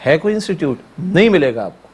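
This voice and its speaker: A man's voice: fairly high pitch, very animated, husky. A male Islamic scholar on a religious TV talk show, speaking emphatically and preachily, piling up rhetorical questions and repeated lists.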